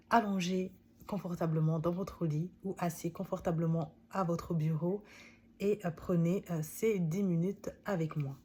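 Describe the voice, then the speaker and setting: In a relaxed to-camera talk, a woman in her thirties whose first language isn't French walks viewers through a book summary, addressing them directly. Her voice is on the low side, dark-toned and slightly rough. She chats freely and laughs frequently.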